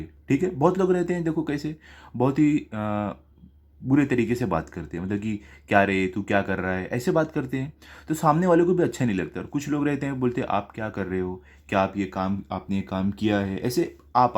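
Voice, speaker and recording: A man's voice: medium pitch, darkish tone. A man teaching a school class, explaining a poem line by line. He asks questions and answers them himself, often checks in with his students, and mixes English words into his speech. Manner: keeps checking in with "okay?".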